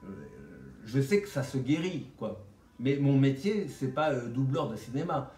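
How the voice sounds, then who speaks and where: A man's voice: mid-range voice, expressive, moderate pace, mellow, a little hiss or hum. Man with a slight lisp, echoey and distant. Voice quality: slight lisp, whistled S sounds. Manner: blunt, slangy, rambling. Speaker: vlogger. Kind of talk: casual vlog monologue. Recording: roomy echo, distant microphone.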